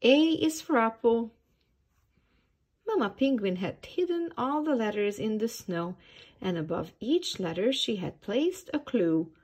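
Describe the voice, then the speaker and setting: A woman reading a children's picture book aloud at storytime, pausing to ask the young listeners questions. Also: medium pitch, sing-song, darkish tone, slightly rough. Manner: slow, sing-song, asks the young listeners questions. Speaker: early years storytime reader.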